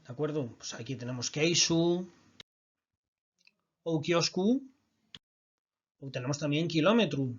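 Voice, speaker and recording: A man teaches a recorded online language class, patient and methodical. His voice sits slightly high. The recording is dull and lo-fi. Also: brisk, few pauses, breathy edge. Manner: patient explaining, frequent checks with "de acuerdo".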